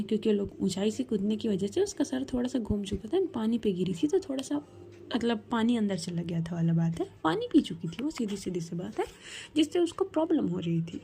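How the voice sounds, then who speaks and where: Chatty woman storyteller, mellow voice. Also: mid-range voice, creaky. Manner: chatty, addresses listener as 'bhai'. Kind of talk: casual spoken story narration.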